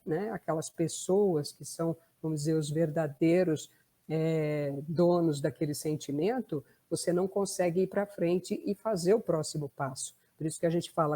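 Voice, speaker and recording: A woman's voice: deep voice, mellow. A woman with a Brazilian Portuguese accent, a family constellation therapist explaining a case in a conversational way. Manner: conversational, tag questions. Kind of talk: explanatory talk.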